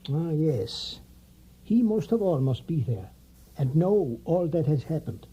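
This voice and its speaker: An actor playing an elderly, insistent vampire-hunting professor in an audio drama, speaking measured, formal, oddly phrased English. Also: male voice, fairly high pitch, animated, dark tone, slightly rough, rough recording.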